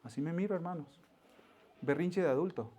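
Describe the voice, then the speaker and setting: Animated pastor preaching. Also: male voice, fairly high pitch, moderate pace. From Mexico. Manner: animated storyteller, acts out voices, drops to near-whisper for emphasis. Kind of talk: sermon.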